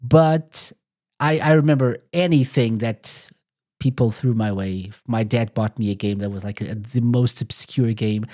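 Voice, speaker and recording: A Portuguese podcast host with a medium-pitched, dark voice speaks unhurriedly, telling rambling stories in casual conversation and correcting himself along the way.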